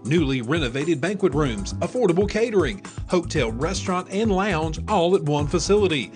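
A man reading a scripted local commercial in a lively promotional tone. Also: on the high side, normal speed, soft background music. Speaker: commercial announcer. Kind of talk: scripted ad read.

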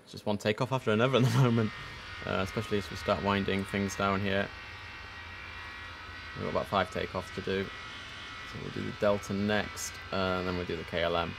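Croaky man streaming as air controller. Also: deep voice, steady tone, a little fast, over music. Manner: chatty, mixes slang with controller phraseology. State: croaky early-morning voice. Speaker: streamer playing an air traffic control game. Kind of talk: casual live-stream commentary with radio calls.

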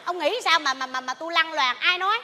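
Woman, stage comedy sketch, bickering, fast talk, long theater reverb. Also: extremely high pitch, sharp tone, a little hiss or hum. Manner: bickering, indignant. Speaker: comedy sketch actor playing a quarreling wife.

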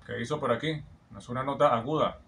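A male vocal coach talks through a song in an admiring, explanatory manner, breaking down breath control and technique. A song with guitar plays loudly behind his voice. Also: medium pitch, quick pace, gravelly. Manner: admiring, explanatory, often sings snippets back. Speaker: vocal coach analyzing a singer. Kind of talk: reaction and vocal analysis commentary. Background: song playing in the background.

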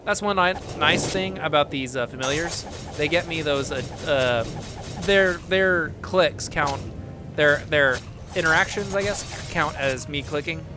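A man's voice: a little high, a little slow. A man giving casual, upbeat let's-play commentary, rambling and laughing easily as he plays. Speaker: gameplay commentator. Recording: game music playing behind.

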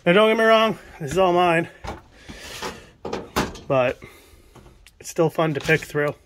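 This male vlogger from New England has a fairly high-pitched voice and talks a little slowly, musing aloud to viewers in a relaxed way. He's an estate sale buyer picking through a cramped indoor wooden shed during a cleanout, giving casual running commentary into a handheld phone camera with faint noise in the background.

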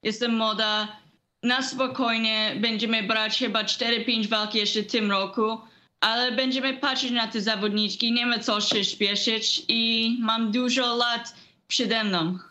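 A woman's voice: fairly high pitch, fairly even intonation, a little slow, bright, forceful tone. A teenage female boxer from Canada speaking in short, simple sentences with small grammar slips, on a video call from home. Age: teens. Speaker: young boxer. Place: indoor room at home.

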